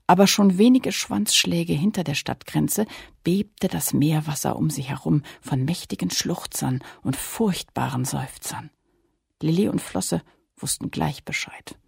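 A woman reading a children's story aloud with lively, playful narration. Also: sits low, measured pace, creaky, breathy edge, no echo, studio quality.

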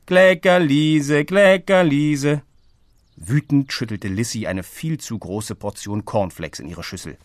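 A man's voice: fairly low pitch, normal speed, hardly any pauses, dry recording, clean studio sound. Man reading a children's audiobook. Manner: lively, voices characters in dialogue. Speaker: narrator.

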